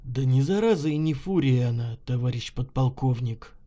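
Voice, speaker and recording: A man playing a tough army officer who bellows orders and turns hushed and tender when he speaks of love. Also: on the high side, very animated, measured pace, highs cut off. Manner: shouting orders, then hushed.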